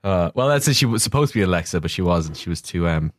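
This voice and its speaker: A man with a fairly low voice that moves around a lot in pitch. He co-hosts a comedy podcast, chatting casually and animatedly. The recording is dry and close. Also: animated, fast, dry recording. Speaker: podcast co-host. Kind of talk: casual comedic chat, storytelling.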